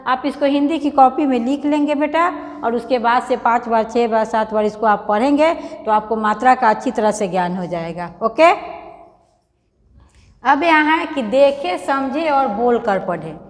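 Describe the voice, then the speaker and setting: A woman teaching young children a grammar lesson, patiently repeating each word slowly for them to read aloud and coaxing them along. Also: on the high side, animated, long reverb tail. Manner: calls the children beta, coaxing. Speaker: primary school teacher.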